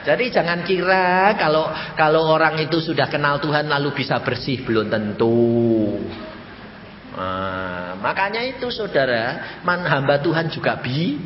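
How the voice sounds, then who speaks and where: A man preaching a sermon as a pastor, animated storytelling with sudden jumps up in pitch when he acts out dialogue. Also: a little slow, roomy sound, long reverb tail, dull audio, a little hiss or hum.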